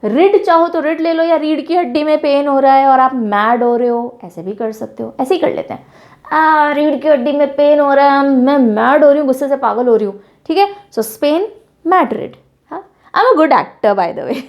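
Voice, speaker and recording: A young woman teacher, explaining memory tricks in a playful way and acting out little scenes. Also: sits high. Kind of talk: online lesson with memory tricks.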